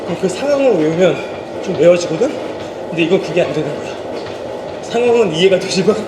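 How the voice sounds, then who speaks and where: A man telling behind-the-scenes stories casually while slow running, acting out bits of dialogue as he goes. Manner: animated retelling, acting out quoted dialogue. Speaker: actor vlogging about his drama work. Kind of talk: casual storytelling chat to camera. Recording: echoey, noisy with rumbling ambience.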